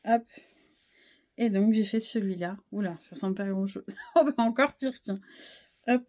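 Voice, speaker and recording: A woman in her thirties chatting casually in a knitting vlog, a little hoarse, rambling and self-deprecating, full of fillers and restarts. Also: medium pitch, normal speed, a little mellow. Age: 30s. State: a bit hoarse, frog in the throat. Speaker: wool dyer and knitting podcaster.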